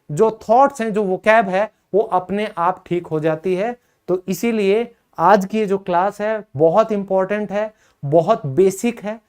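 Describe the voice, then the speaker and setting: A man's voice: high-pitched, darkish tone. A man teaching an English pronunciation lesson, repeating words emphatically to drill them.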